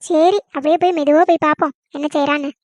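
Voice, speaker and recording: Someone voicing a shrill nagging mother-in-law. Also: steady tone, quick pace, natural voice. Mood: scolding. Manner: nagging, scolding loudly. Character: grumbling village mother-in-law, aching and scolding. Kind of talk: cartoon comedy voice acting.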